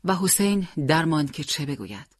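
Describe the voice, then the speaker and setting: An audiobook narrator reading a family story in a measured, earnest way. The voice is husky and of middling pitch, recorded dry with almost no room sound. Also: sing-song, no room sound.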